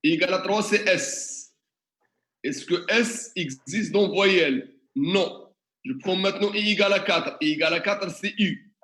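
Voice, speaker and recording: A man teaches a classroom tutorial, asking students questions and walking through examples one step at a time. His voice is high and bright, and he talks at an unhurried pace. The sound is roomy, with the echo of a classroom. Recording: echoey classroom.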